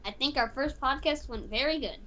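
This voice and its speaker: A woman's voice: high-pitched, fairly quick, sharp tone, muffled recording, slight background noise. A teenage girl co-hosting a podcast over an online call, chatty and eager, with a mic that cuts out. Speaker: podcast co-host. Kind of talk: casual chat. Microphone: online call, mic cutting out.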